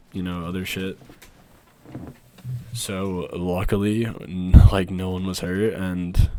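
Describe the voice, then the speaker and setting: Deep, flat-pitched young man telling a story. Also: slight background noise. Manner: blunt, heavily sweary. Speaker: video storyteller. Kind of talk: casual personal storytime.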